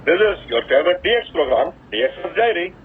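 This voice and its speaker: A man's voice: on the high side, big pitch swings, fast, a little hiss or hum. A man from India with a South Indian accent, hosting a scripted radio news digest over a shortwave radio transmission. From Chennai, India. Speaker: radio program host. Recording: tinny, phone-like shortwave digital radio reception.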